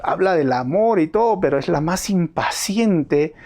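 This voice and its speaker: A man's voice: fairly high pitch, lively intonation, measured pace, a little mellow. A man voicing a stern male traffic policeman who scolds a driver, in a dry tone, inside a sermon story. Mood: scolding.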